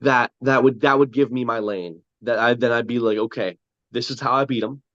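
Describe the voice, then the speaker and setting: Young guy guest on a podcast, relaxed, thinking out loud, kinda muffled dry audio. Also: mid-range voice, brisk, no echo. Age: young adult. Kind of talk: casual interview chat.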